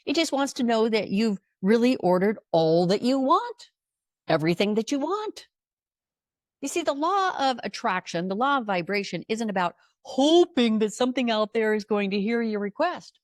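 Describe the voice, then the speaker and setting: An emphatic woman gives a motivational podcast monologue as a life coach and leans hard on repeated key words. Her pitch moves in a lively way, and the recording is dry and close with no room sound. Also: no room sound.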